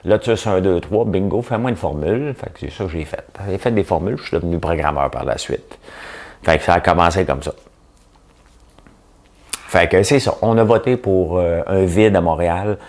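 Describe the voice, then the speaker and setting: Deep-voiced joking Québécois man. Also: moderate pace, darkish tone. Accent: Québécois French. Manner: folksy, joking, rambling asides with "hein?". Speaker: commentary podcast host. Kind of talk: casual morning commentary.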